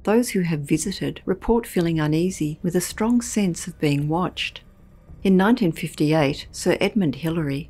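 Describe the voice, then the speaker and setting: Low-voiced woman narrating eerie tales. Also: a little mellow. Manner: measured, ominous storytelling. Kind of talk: scripted documentary narration.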